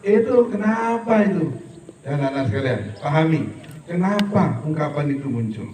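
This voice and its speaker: A man's voice: fairly high pitch, expressive, normal speed, a little mellow. A middle-aged man giving a humorous religious lecture at a school event, joking, mimicking regional dialects and urging students to keep growing. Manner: jokey, mimics regional dialects in quoted bits; preachy, motivational to students. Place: school hall. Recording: echoey hall, voice from far off.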